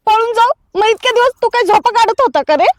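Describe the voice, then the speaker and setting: A young actress plays a reluctant bride in a village comedy. Her voice is very high and the sound is dry and close. She pleads and reproaches by turns. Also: a little fast, no room sound. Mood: heated. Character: young bride resisting her arranged wedding.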